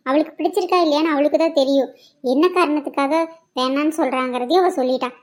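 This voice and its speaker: In a cartoon drama, a young woman in love pleads and argues earnestly, voiced by a woman. Her voice is high and she talks quickly. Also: natural voice.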